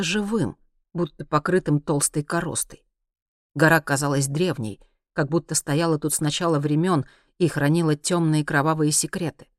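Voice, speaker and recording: A man narrating a science fiction audiobook in a steady, even storytelling voice. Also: on the high side, dry recording, studio quality.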